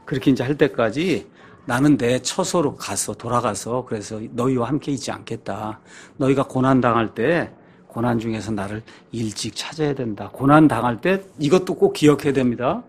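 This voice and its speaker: A man's voice: mid-range voice, moderate pace, breathy edge. A man preaching as a pastor, teaching from the Bible in a conversational way and answering his own questions.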